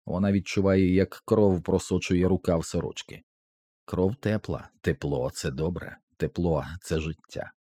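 Deep-voiced man narrating an audiobook. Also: moderate pace, no echo, studio quality. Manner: tense, expressive reading.

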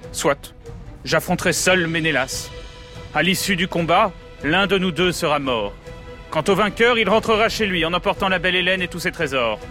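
A woman voicing a vain young prince in a children's radio drama, speaking calmly and with self-assurance. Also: deep voice, voice pushed down. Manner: calm, smooth, slightly haughty.

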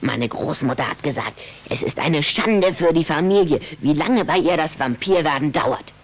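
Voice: medium pitch, expressive, moderate pace, natural voice. A performer playing a haughty young boy vampire in a radio play, reproachful and dramatic. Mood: explaining, grudging. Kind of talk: German radio play dialogue. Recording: faint background noise.

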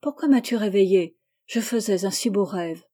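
A woman's voice: mid-range voice, normal speed, dark tone, lightly acted. A woman reading the part of a naive, impulsive young Native girl, speaking in an eager, childlike way.

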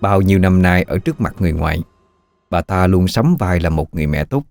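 A man narrating a horror story in a measured, even way. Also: low-pitched, vocal fry. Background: faint music.

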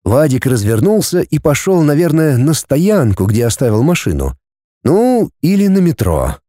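A man reading a novel aloud as an audiobook narrator, in a steady storytelling manner. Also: a little high, normal speed, dry recording, studio quality.

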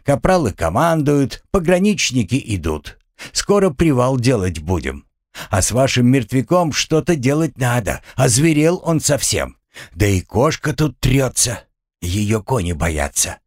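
Meek peasant orderly, voiced by a male narrator; servile, nervy, animated, dry recording. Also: medium pitch, unhurried, no room sound, pitched above the performer's own voice. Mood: meek deferential. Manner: meek, servile, slightly sly. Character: timid simple male orderly, deferential.

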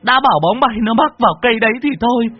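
A man's voice: very high-pitched, racing, breathy edge, highs cut off, soft background music, pitched above the performer's own voice. A man voicing a young village mother wailing over her lost child. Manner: wailing, sobbing cries.

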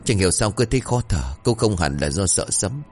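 A man's voice: on the low side, big pitch swings, fairly quick, husky, faint music behind. A man voicing an uneasy older husband talking hesitantly at night in a horror story. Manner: hushed, hesitant.

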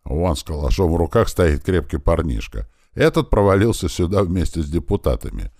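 A man with a very deep voice narrates a first-person audiobook. He tells the story in a lively, conversational way, with his pitch rising and falling a lot. The recording is dry and close. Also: a little fast, no room sound.

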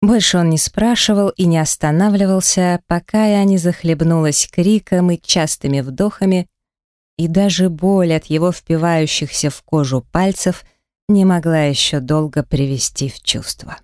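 A woman narrating a first-person romance audiobook in an intimate, breathy manner on a close studio mic. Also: fairly low pitch, normal speed, a little mellow, dry recording.

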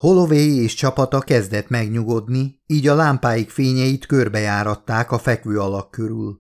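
A man narrates an audiobook with steady, measured storytelling. His pitch sits in a middle range for a male voice. The delivery is even and unhurried. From Hungary. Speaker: author reading his own audiobook.

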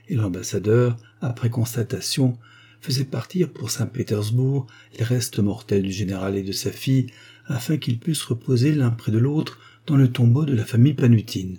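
Deep-ish husky guy reading an old novel aloud, steady and dramatic. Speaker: audiobook narrator. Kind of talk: scripted narration.

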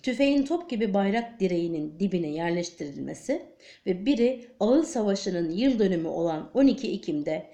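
A woman narrating an audiobook in a steady, measured storytelling manner. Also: medium pitch. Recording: echoey room.

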